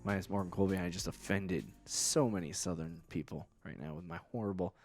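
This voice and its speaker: A man from New England co-hosts a laid-back fantasy football podcast, laughing easily and often trailing off before starting his thought again. His voice is low and a little mellow, he talks quickly, and faint music plays behind him.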